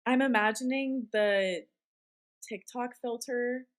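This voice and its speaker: A woman's voice: fairly high pitch, slow pace. A woman co-hosting a casual show, reading scary stories and reacting to them in a chatty, giggly way. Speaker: podcast co-host.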